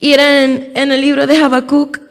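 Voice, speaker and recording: High, gravelly woman giving church testimony. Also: monotone, long reverb tail. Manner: slow and halting, with many repeated openings. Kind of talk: personal religious testimony.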